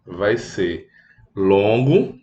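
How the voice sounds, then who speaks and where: A man's voice: on the low side, expressive, mellow, muffled recording, slight background noise. A Brazilian man teaching a children's music lesson, patient and simple, mooing like a cow and strumming a guitar to show sounds. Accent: Brazilian Portuguese. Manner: slow, patient, with animal sound imitations; plays guitar while explaining.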